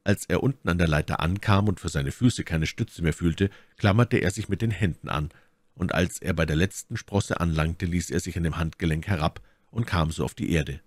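A man reading a classic novel aloud as a narrator, with expressive, dramatic narration. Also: sits low, normal speed, dry recording. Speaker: audiobook narrator.

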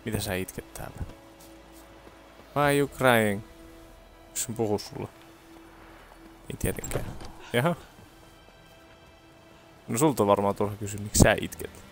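A man's voice: lowish voice, long pauses, faint music behind. A young man giving casual commentary while playing a game on a headset mic, making wry remarks. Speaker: gameplay streamer.

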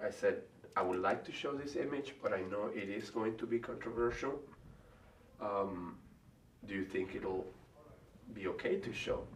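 In an echoey room, captured from a distance by a camera with slight hiss, a middle-aged man answers interview questions before a large painting. His voice is fairly low yet fairly bright, with a Venezuelan Spanish accent, and he's a thoughtful, hesitant artist and college faculty member who often pauses and restarts.

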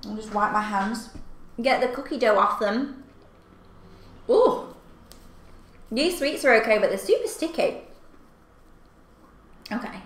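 A young woman chatting casually to camera as she tastes and eats candy, with expressive, exclaiming reactions. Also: mid-range voice, moderate pace, long pauses. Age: young adult. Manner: talking while eating candy and snacks. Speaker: video host. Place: small furnished room at home, indoors. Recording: echoey room, clear background noise.

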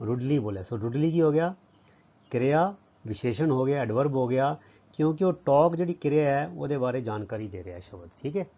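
A male teacher with a Punjabi accent explains English grammar. He asks a question and answers it himself, and he reads the English sentences slowly before translating them. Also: medium pitch. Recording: dull lo-fi audio.

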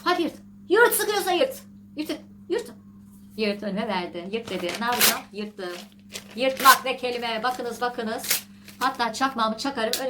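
A woman hosting a casual vlog, reading an article aloud and mocking it with sarcastic asides and shrill outbursts, laughing often. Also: noisy background. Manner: laughs often while talking. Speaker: vlog host.

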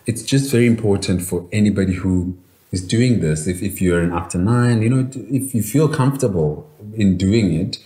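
A man from South Africa talking thoughtfully on a radio panel, pausing often with ums. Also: on the low side, dark tone, roomy sound. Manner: thoughtful, hesitant with frequent ums. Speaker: panel guest. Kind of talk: casual panel discussion. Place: radio studio.

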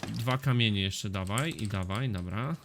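Swearing excitable gaming commentator, man. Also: on the low side, moderate pace, heavy background noise. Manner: swears often, excitable reactions to the game. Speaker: gaming YouTuber. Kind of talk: casual let's-play commentary.

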